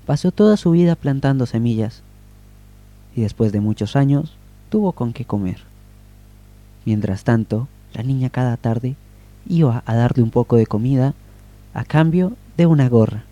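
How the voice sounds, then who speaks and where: Male radio storyteller, very dark mellow tone, gentle unhurried delivery. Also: medium pitch, no room sound, lo-fi sound. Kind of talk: improvised story reading.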